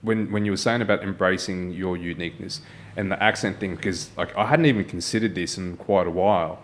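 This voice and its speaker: A Malaysian man hosts a podcast in a casual interview chat, speaking a little fast in a low voice over a slight hiss or hum. He's earnest and encouraging, often tacking on "right?".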